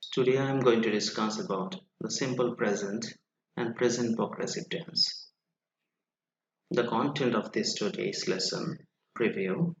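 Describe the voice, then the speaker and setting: A man teaching English grammar in an online lesson, slowly explaining rules and reading example sentences aloud. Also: fairly low pitch, dull audio, slight background noise.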